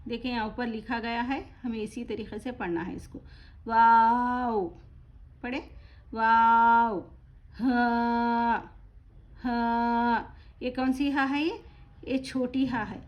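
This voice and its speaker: A woman teaching Quran reading, slowly drawing out each letter name and then explaining softly and quickly in between. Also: fairly high pitch, steady tone. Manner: slow, drawn-out letter names, then quick soft explanations. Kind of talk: online lesson, letter-by-letter drilling. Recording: dull lo-fi audio.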